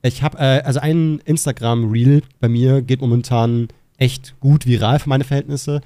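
Mellow-voiced rambling podcast man. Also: mid-range voice, normal speed, no room sound. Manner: rambling, animated, swears casually. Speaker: podcast co-host. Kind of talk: casual chat.

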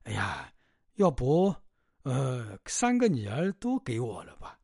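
A man's voice: mid-range voice, huge pitch swings, slow, gravelly, darkish tone, slightly rough, dry recording, studio quality, full character voice. A man voicing Zhu Bajie, a greedy, lustful pig-monster pilgrim who wheedles and makes excuses.

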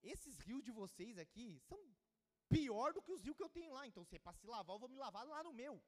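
A man's voice: very high voice, very animated, brisk. A man playing a proud, offended foreign army commander who talks in indignant, demanding slang. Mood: scornful. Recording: long hall reverb.

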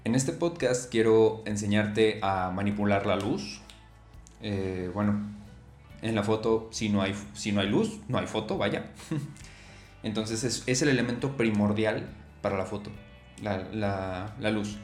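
Fairly low and darkish in tone, a man's voice runs a little slow as he hosts his own laid-back podcast. Fillers and repeated words crowd his loose talk, and faint music sits under the echoey room sound.

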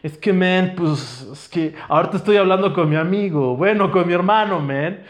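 A man's voice: high voice, normal speed, reverberant, close to an everyday voice. A man with a Mexican accent voicing a lazy, laid-back young man who drawls and tacks "man" onto everything. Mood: drawling.

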